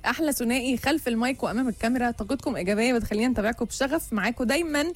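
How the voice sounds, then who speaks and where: A woman's voice: fairly high pitch, rapid-fire. A woman with an Egyptian Arabic accent co-hosting a show, chatting casually and playfully and reading out listener messages. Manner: playful, bantering. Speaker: radio show co-host.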